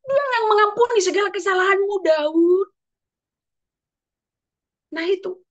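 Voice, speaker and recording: A woman preacher in an animated sermon, spinning a story with frequent exclamations. Her voice sits high, and the recording is muffled and lo-fi. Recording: dull lo-fi recording.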